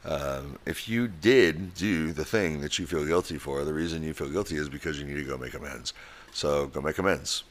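A man's voice: a bass voice, moderate pace. A man hosting a podcast as a coach, giving casual advice in a blunt, emphatic way.

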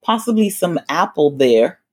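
A woman's voice: lowish voice, very animated, measured pace, darkish tone, breathy edge. A woman co-hosting a podcast, chatting casually and laughing often as she agrees along. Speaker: podcast co-host. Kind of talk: casual chat.

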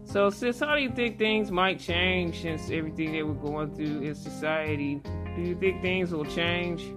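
A woman's voice: fairly low pitch, normal speed. A woman hosting a casual conversational interview in a folksy, earnest way, her voice slightly muffled by a face mask. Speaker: host. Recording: music playing behind the voice. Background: guitar music.

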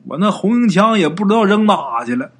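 A man's voice: sits high, big pitch swings, a little fast, slightly rough, pitched above the performer's own voice, exaggerated voice. A man voicing a boastful middle-aged village man who talks in a coarse, folksy way. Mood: boastful, spooked. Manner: coarse, swaggering folksy talk.

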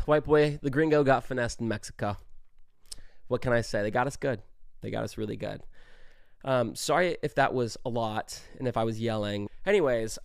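Young man, vlogger, casual storytime, profane, worked up, dry close sound, average pitch. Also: dry recording. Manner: heated, profane, animated retelling.

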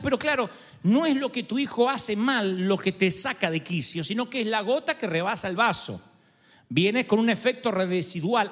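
A man preaching a sermon as pastor, lively and rhetorical, asking his listeners questions. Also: sits high. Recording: long hall reverb.

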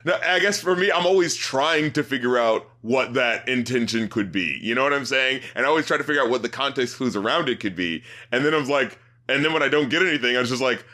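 A man co-hosting an album review podcast in casual chat, animated and quizzical, nitpicking word choices and laughing often. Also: medium pitch, quick pace, few pauses.

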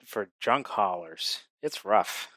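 A man co-hosting a casual movie chat, laid-back and wry with deadpan asides. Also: fairly low pitch, slow, no echo. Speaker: podcast co-host.

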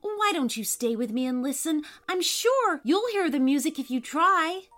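A woman's voice: high voice, expressive, normal speed, a bit bright, faint music behind, voice pushed up. A woman voicing a cheerful, dreamy little girl who earnestly insists on what she believes.

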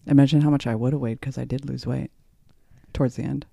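A woman's voice: a bass voice, fairly even intonation, gravelly, mellow, dry recording. A middle-aged woman co-hosting a podcast, chatting casually with teasing quips and frequent agreement. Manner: teasing, adds quick quips and agreeing yeahs. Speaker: podcast co-host. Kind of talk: casual chat.

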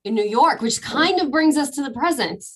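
A woman's voice: high voice, expressive, fairly quick, a little hiss or hum. A woman from Northern California hosting a podcast in an upbeat, chatty way and laughing easily. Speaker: podcast host. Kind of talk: casual chat.

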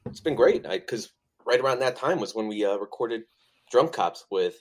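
A man's voice: mid-range voice, lively intonation, normal speed. A man co-hosting a podcast in casual chat, with a joking, irreverent way of talking. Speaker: podcast co-host.

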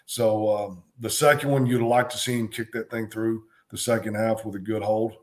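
Middle-aged man, ex-coach co-host, halting, restarts a lot, low voice. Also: flat delivery. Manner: hesitant, many ums and restarts. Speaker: former football coach, show co-host. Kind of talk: casual sports talk.

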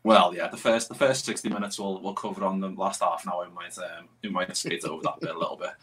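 A man's voice: deep voice, expressive, fast, a bit bright. A British man hosting a podcast with casual, loosely phrased football chat. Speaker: podcast host.

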